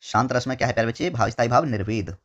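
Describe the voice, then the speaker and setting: Husky male teacher drilling exam answers. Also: medium pitch, fairly bright tone, highs cut off. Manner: repeats key words slowly, keeps asking "ठीक है"; calls the students "my dear children". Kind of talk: exam-prep Hindi lesson.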